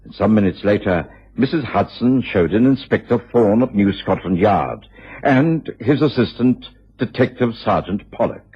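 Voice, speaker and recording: An actor playing a genial, kindly middle-aged English doctor in a radio drama, with a British accent. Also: male voice, lowish voice, expressive, normal speed, husky, exaggerated voice. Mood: warm, nostalgic. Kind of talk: radio drama acting and narration. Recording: muffled, hazy old radio drama recording.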